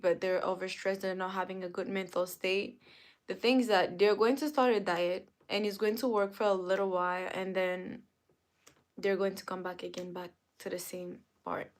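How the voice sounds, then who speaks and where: A woman whose first language isn't English livestreams a casual chat, addressing her viewers directly and repeating phrases again and again. Her voice is medium-pitched with fairly even intonation at a normal speed.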